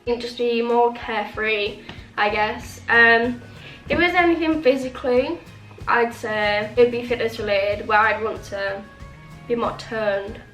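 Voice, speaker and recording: A young woman with a slightly high, somewhat bright voice and fairly even intonation speaks a little slowly, vlogging casually to camera. She's sniffly from a cold and rambles, saying "like" a lot. The room is echoey, with faint music in the background.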